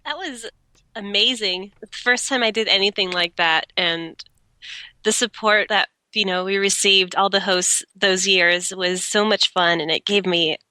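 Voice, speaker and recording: A young woman guest on a podcast, bubbly and quick to laugh, with a stuffy, congested voice from allergies. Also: mid-range voice, sharp tone, no room sound. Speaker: voice actress guest. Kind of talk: casual podcast interview.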